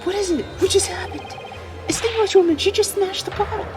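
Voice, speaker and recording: A woman voicing a flustered, excitable courtroom judge in a fan game dub, barking quick orders. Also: extremely high pitch, music in the background, voice pushed up.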